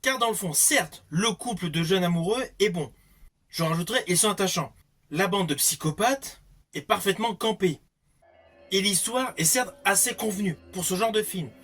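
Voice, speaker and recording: Male film reviewer, husky voice, lively emphatic intonation, scripted review, faint music behind. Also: sits high, normal speed. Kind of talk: scripted movie review narration.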